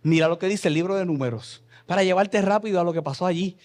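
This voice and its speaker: A Puerto Rican man preaching a sermon as pastor, reading scripture and swinging between loud passages and soft asides in a church. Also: sits high, fast. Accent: Puerto Rican Spanish. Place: church sanctuary.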